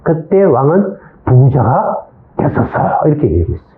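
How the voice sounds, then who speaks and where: Middle-aged pastor, male, lively storytelling lecture style, roomy and tinny lo-fi recording. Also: a little high, moderate pace. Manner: storytelling, mixes simple English words into his speech, acts out short quotes. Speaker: pastor teaching a Bible overview. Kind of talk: informal Bible lecture. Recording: echoey, phone-like lo-fi lecture recording.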